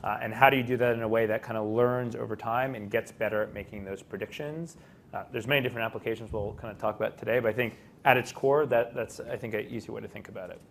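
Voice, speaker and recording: A man's voice: fairly low pitch, fairly even intonation, fast, gravelly, slight background noise. A man giving conversational explanations as a tech panelist. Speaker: panelist, tech team lead.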